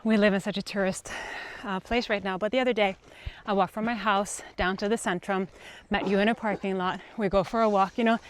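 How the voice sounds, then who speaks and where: A woman's voice: medium pitch, brisk, few pauses. Chatty woman talking while hiking uphill. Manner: chatty and animated, laughs often, repeats herself. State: out of breath from hiking. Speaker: co-founder. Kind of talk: casual chat on a walking tour. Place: outdoors on hilly open land.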